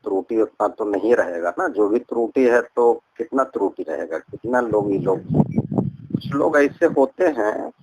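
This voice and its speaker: Talking through personal matters on a taped phone call, this Bihari-accented man is earnest and long-winded, circling back over the same points. His fairly low voice is expressive and measured in pace, set against a noisy background.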